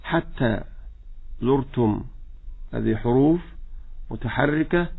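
A man's voice: mid-range voice, vocal fry, husky. Egyptian man teaching Quran recitation, tinny line. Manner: slow demonstrative recitation of examples. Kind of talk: explanatory radio lesson on recitation. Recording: tinny phone-like radio line.

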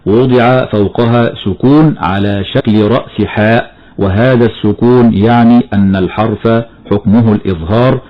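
A man teaching the rules of Quran recitation, explaining steadily and chanting slow example verses. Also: fairly low pitch, fairly even intonation, lo-fi sound. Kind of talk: tajweed lesson with recited examples.

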